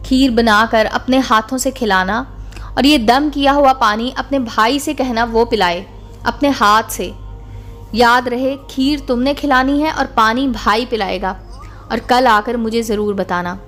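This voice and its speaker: A kindly old holy man gives soft, fatherly counsel in a storybook tale, as a woman reads him. The voice sits fairly high, with faint music playing underneath. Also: unhurried. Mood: gentle. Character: wise old bearded male holy man, gentle.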